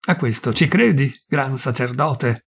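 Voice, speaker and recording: A man's voice: mid-range voice, creaky, slightly rough. A man voicing a menacing Roman governor. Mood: mocking menace. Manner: slow, threatening, then fiercely scornful. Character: stern older male Roman governor, weary and menacing.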